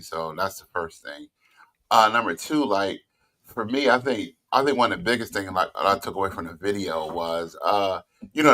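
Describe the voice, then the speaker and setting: A man's voice: sits low, pushed and bright. A man, a military veteran, talking casually on a panel and often filling his speech with "you know what I mean.". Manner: conversational, hedging with frequent fillers.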